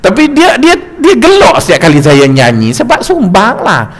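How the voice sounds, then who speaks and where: A man's voice: high voice, moderate pace. A middle-aged man with a Malaysian Malay accent giving a mosque lecture, joking and telling stories with stammered restarts. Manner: lively, jokey storytelling with stammered restarts. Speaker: religious teacher.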